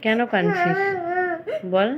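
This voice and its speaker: A woman speaks slowly and patiently, asking the same questions again and again and scolding gently. Her voice sits in a middling range on a dull, lo-fi home recording. Loud crying fills the background the whole time. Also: on the high side, sing-song, over a noisy crowd. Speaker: mother filming her crying child. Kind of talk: casual home video, coaxing questions. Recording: dull lo-fi sound over loud child crying. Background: loud crying child.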